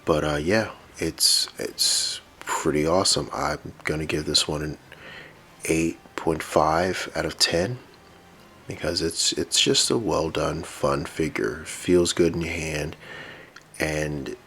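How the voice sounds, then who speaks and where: A man giving a casual toy review, rambling with fillers and relaxed asides. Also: rumbling low, slow pace, creaky, a little hiss or hum.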